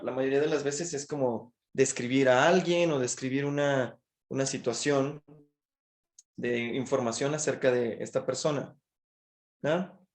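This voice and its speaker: A man's voice: mid-range voice, a little mellow. A man teaching a language class over a video call, patiently explaining and often checking in with short questions. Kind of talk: online class lesson.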